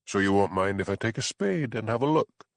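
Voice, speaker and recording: A man as a quiet Highland policeman. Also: creaky, dry recording. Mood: firm. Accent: Scottish Highland. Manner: quiet, flat, measured.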